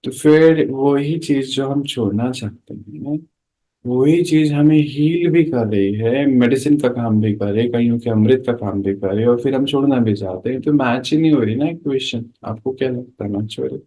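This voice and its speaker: A man's voice: mid-range voice, moderate pace, warm tone, poor audio. A man giving a conversational spiritual talk to an audience, telling everyday anecdotes and asking rhetorical questions. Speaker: spiritual speaker.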